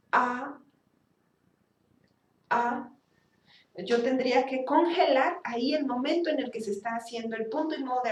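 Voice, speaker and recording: A woman teaching a speech therapy class, explaining step by step and acting out sounds with exaggerated articulation. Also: on the high side. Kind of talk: university class lecture. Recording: echoey room, from a distance.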